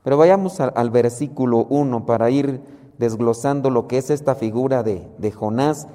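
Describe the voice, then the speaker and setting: Man preaching, mellow voice. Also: mid-range voice, big-room sound. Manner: slow, measured explaining of scripture. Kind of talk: sermon.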